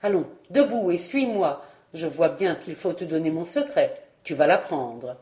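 A woman's voice: sits low, lively intonation, a little slow, warm tone, roomy sound, voice pushed down. A woman voicing a stern, commanding old fairy aunt who scolds and barks orders.

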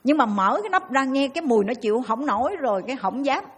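Woman, Buddhist nun, Southern Vietnamese accent, dharma talk, lively storytelling, fairly high voice. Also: fast talker, breathy edge. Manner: lively storyteller who acts out the people in her stories.

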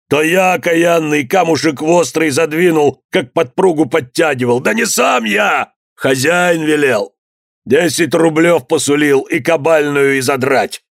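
A man putting on a slow-spoken convict confessing. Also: on the high side, gravelly, dry recording, clean studio sound, pitched above the performer's own voice. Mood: accusing. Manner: slow, pleading and declaiming. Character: condemned male convict confessing before a crowd.

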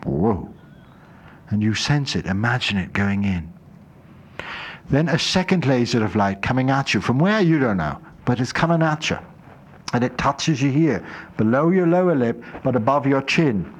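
A man's voice: mid-range voice, expressive, moderate pace, husky. A man talking as a spiritual teacher, guiding an exercise in an emphatic, instructive way. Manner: emphatic, instructive, slips into dramatized voices. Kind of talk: guided spiritual exercise talk.

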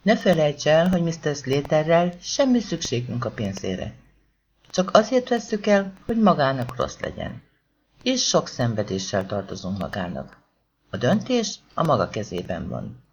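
A man reading an audiobook voices a cold, menacing male gangster who speaks slowly and mockingly. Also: fairly high pitch, huge pitch swings, a little hiss or hum. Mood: threatening. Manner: slow, threatening, mocking. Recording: dull lo-fi audiobook recording.

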